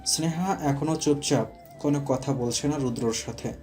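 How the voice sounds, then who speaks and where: A man narrating a romantic audio story in a steady storytelling manner. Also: fairly high pitch, normal speed, faint music behind.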